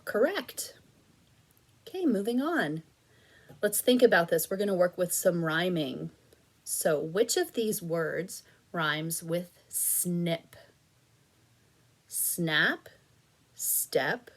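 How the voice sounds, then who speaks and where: A woman teacher giving a recorded reading lesson to young children, with slow, clear prompts and patient praise. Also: lowish voice.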